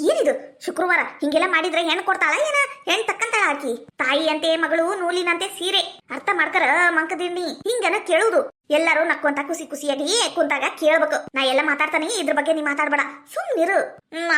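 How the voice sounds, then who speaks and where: A woman with a North Karnataka accent runs through a village comedy skit in a very high, piping voice. She rattles along at a quick clip, scolding and teasing like a neighbour in a busy household. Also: bright, forceful tone. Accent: North Karnataka Kannada. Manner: rapid, chiding village banter.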